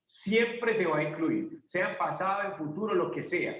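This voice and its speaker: A man's voice: sits high, moderate pace, fairly bright tone. A man teaching an English grammar lesson to a class, patiently asking questions and answering them himself. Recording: echoey room, voice from a distance.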